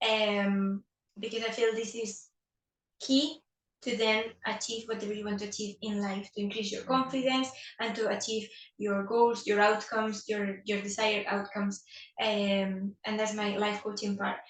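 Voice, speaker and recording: A woman's voice: medium pitch, level tone, unhurried. A woman guest, a life coach, talking enthusiastically in a casual interview and laughing often. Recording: roomy echo, mic at a distance.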